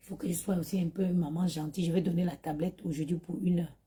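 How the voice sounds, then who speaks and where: A woman's voice: fairly low pitch, steady tone, quick pace, mellow, breathy edge. A tired woman chatting to her viewers on a phone live stream, talking about motherhood and her online group. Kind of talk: casual live-stream chat.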